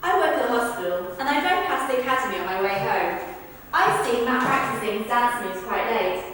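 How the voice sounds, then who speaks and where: Rehearsing verbatim witness testimony for a stage piece, a woman speaks briskly in a fairly high, animated and fairly bright voice. Her telling is conversational yet projected, and the recording has a distant mic, hall echo and faint noise.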